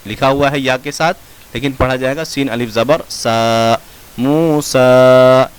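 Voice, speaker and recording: A man teaching Quranic spelling in a slow classroom lesson, drawing out each recited word in a chant and then explaining quickly in a lower voice. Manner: drawn-out chanted recitation of words between quick low explanations.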